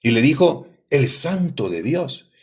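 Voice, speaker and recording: A man delivers a sermon with a husky, slightly breathy voice. He teaches emphatically, comes back to the same phrases again and again, and turns to his listeners with questions. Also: on the high side, very animated, slow pace. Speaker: preacher.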